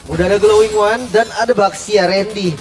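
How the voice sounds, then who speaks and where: A man's voice: sits high, fairly even intonation, brisk, a little hiss or hum. A man with an Indonesian accent giving live esports commentary in casual slang mixed with English gaming terms. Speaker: esports caster. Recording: loud music behind voice.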